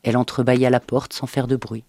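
A man reading a novel aloud as narrator in an expressive, dramatic audiobook style. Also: mid-range voice, fast, no room sound.

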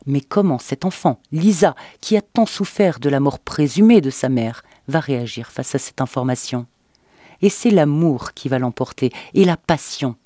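Expressive male audiobook narrator. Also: fairly high pitch, moderate pace, dry recording, studio quality. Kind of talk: dramatic audiobook reading.

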